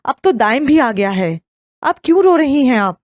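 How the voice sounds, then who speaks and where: A woman's voice: high voice, sing-song, no echo. A woman voicing a playful, caring young man who teases and then anxiously questions others in an audio novel. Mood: worried.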